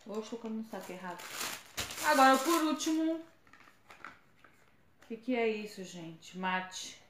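A woman's voice: medium pitch, slow pace, a little hiss or hum. A woman chatting casually through an unboxing, often stumbling over brand names. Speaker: vlogger. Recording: echoey room, faint ambience.

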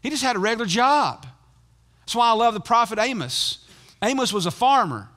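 A middle-aged pastor, preaching a sermon that swings between loud emphatic bursts and hushed, intense asides. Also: male voice, extremely high pitch, expressive, brisk, long reverb tail.

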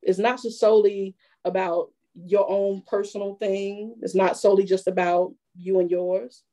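A woman preaching a sermon at a church women's fellowship, lively and conversational, drawing call-and-response from the congregation. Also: mid-range voice, normal speed, low-quality recording.

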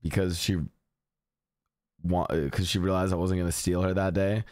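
A man's voice: deep voice, level tone, normal speed, darkish tone, no room sound, clean studio sound. A young man streaming, reacting to clips and bantering with chat in a joking, profane way.

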